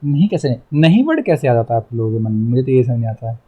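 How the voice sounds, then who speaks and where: A man's voice: mid-range voice, big pitch swings, quick pace, dark tone. A young man teaching a math lesson online, chatty, repeating himself and teasing his students.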